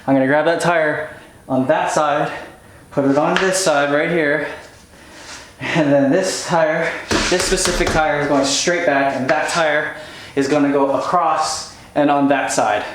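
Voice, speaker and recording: A man walking viewers through car maintenance in a casual how-to style, chatty and hurried as he works. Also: fairly high pitch. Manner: hurried, chatty, restarts phrases while working. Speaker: DIY car maintenance vlogger. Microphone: camera-mounted mic. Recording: echoey garage, faint noise.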